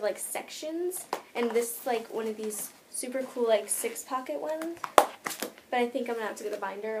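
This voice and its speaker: A teenage girl with an American accent vlogs to a camera in her bedroom, rambling casually about what's in her bag and saying "like" constantly. Her voice is fairly high, with slight background noise.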